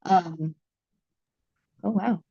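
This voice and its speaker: Woman presenter, low voice, choppy glitching video call audio, dry and dull, halting delivery. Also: gravelly, warm tone, slightly rough, no echo. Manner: hesitant, many fillers. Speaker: government agency staff presenter. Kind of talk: presentation in an online meeting.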